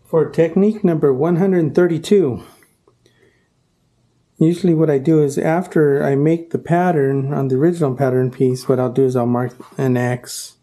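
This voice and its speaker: A man's voice: medium pitch, warm tone. A middle-aged man, an upholsterer, explaining his craft in a plain, practical way, with fillers and self-corrections. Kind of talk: casual workshop tutorial. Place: upholstery workshop indoors.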